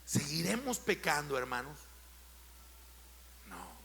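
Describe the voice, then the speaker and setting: A middle-aged Mexican pastor with a Mexican Spanish accent preaches a sermon, firing rhetorical questions at the congregation, checking they follow, and building to loud, forceful emphasis. His voice sits on the high side with huge pitch swings, a slow pace, and vocal fry, against slight background noise.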